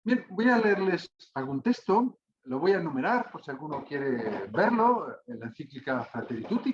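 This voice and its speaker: A man giving an academic lecture, speaking in a measured, deliberate way with hesitant fillers as he reads texts aloud. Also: medium pitch, muffled recording. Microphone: computer mic, reading from screen.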